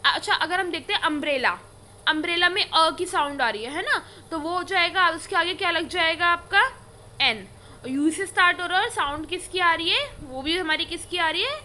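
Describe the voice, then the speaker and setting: Woman teacher, high voice, asks and answers her own questions, faint hiss. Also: animated, normal speed, bright, forceful tone. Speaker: English teacher. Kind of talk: classroom grammar lesson.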